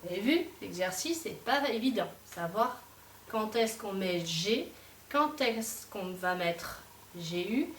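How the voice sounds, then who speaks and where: A woman teacher giving a dictation to young pupils, pausing between syllables and speaking slowly and clearly. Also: medium pitch, expressive. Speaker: primary school teacher. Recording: echoey room, voice from a distance, faint hiss.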